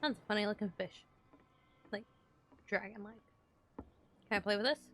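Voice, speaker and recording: A woman's voice: medium pitch, moderate pace, a bit bright, slight background noise. A young woman casually commenting as she plays a game, chatty, joking and swearing freely. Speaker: gaming streamer.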